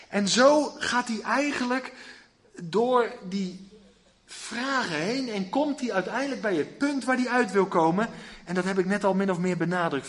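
A man preaching a sermon, asking his listeners questions and slowing to stress key phrases. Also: high-pitched, fairly bright tone. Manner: emphatic, rising to slow declaimed phrases.

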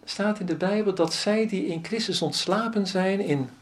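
A man's voice: high-pitched, normal speed. A man preaching a sermon as pastor, asking the congregation many rhetorical questions.

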